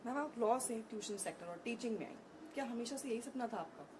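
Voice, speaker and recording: A woman's voice: fairly high pitch, lively intonation, fairly quick, background noise. A woman interviewing a guest on a conference stage, asking polite, prompting questions.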